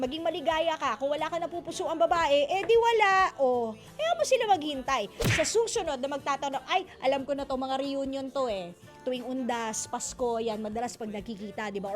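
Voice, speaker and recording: A woman with a Filipino accent hosting a casual radio advice segment, playful and teasing, laughing often as she reads and answers listener letters. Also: sits high.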